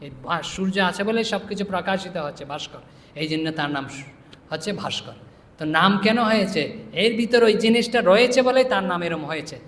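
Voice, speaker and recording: Middle-aged monk preacher, high voice, long hall reverb, explains verses and checks listeners understand. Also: male voice, fairly bright tone. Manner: explains word by word, often asks listeners if they understood; chants scripture verses slowly. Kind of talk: devotional scripture discourse.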